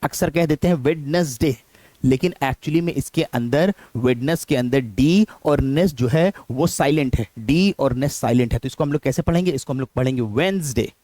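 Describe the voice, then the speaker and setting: A young adult man with an Indian accent, teaching an English pronunciation lesson and repeating each word slowly for practice. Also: mid-range voice, dark tone, dry recording. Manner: explanatory, repeats words slowly for drills. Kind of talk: classroom-style pronunciation lesson.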